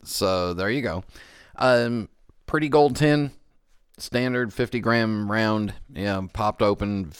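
A middle-aged American man with a fairly low, smooth voice hosts a casual podcast. He rambles easily and drops in dry, joking asides. The sound is close and dry. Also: takes it slowly, no echo. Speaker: podcast host. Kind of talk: casual radio-show talk.

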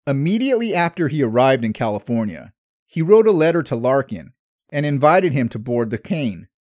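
A man hosting a history podcast, telling the story in measured, scripted narration. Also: mid-range voice, sing-song, a little mellow, no echo, studio quality.

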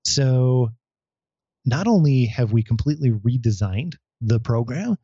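A man's voice: mid-range voice, lively intonation, a little slow, mellow, slightly rough, no echo, muffled recording. A man hosting a podcast, chatting casually and playfully, laughing often. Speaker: podcast host.

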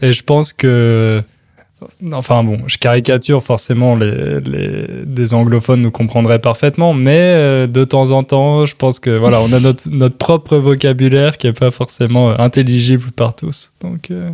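A man interviewing a guest in a relaxed, reflective conversational way. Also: mid-range voice, normal speed, vocal fry, no echo.

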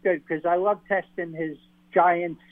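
A man calling in to a radio show on speakerphone, talking haltingly and repeating words as he restarts. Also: high-pitched, steady tone, dry recording. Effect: on speakerphone over a phone line. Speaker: caller. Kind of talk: radio call-in question. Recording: tinny phone line on speakerphone.

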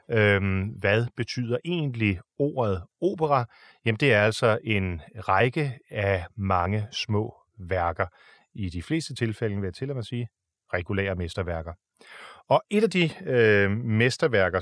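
A man's voice: on the low side, no room sound, studio quality. A man hosting a radio program, answering listener questions about opera in a chatty, opinionated way with frequent hesitations.

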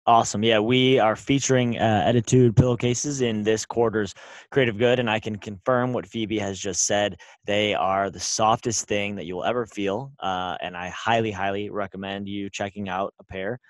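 Male host, fairly low voice, dry close mic, cheerful questions. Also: fairly even intonation, moderate pace, no echo. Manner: upbeat, keeps saying awesome. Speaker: interview host. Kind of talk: interview questions.

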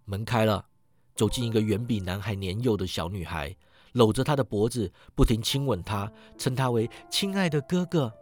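A man reading a story aloud, expressive, his voice rising and sinking with the scene. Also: on the low side, moderate pace, faint music behind. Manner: expressive, rises and sinks with the scene. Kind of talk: storytelling narration.

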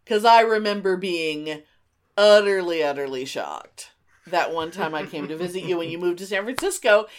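In casual banter with a friend, a middle-aged woman hosts a podcast at a moderate pace. Her voice sits lowish, and she's emphatic and teasing, prone to exclamations.

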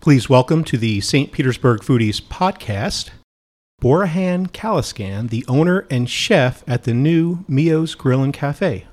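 A man's voice: medium pitch, lively intonation, unhurried, darkish tone. A man co-hosting a food podcast, introducing guests and segments in an upbeat casual way. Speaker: podcast co-host.

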